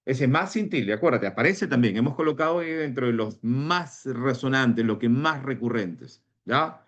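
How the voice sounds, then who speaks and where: Peruvian male teacher, mid pitch, animated online class, dull lo-fi audio. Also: normal speed. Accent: Peruvian Spanish. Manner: lively, plays both student and teacher in dialogue. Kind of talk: online exam-prep class.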